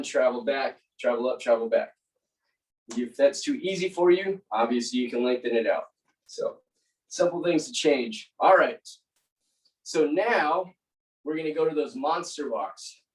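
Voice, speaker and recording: An aerobics instructor leading a group workout, giving short encouraging commands and counting out repetitions. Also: mid-range voice. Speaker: aerobics and fitness class instructor. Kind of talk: live group workout coaching with counted reps. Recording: roomy echo, distant mic.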